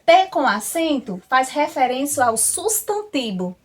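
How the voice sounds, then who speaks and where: Brazilian lady teacher, high voice, takes her time, spells things out slowly. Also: very animated. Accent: Brazilian Portuguese. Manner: slow, careful explanations with drawn-out example words. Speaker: Spanish teacher. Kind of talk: classroom lesson.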